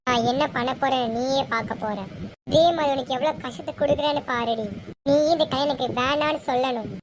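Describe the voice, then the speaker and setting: Woman as a high-voiced scheming mother-in-law, gloating threats, noisy home recording. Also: steady tone, a little fast, close to an everyday voice. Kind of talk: amateur serial drama.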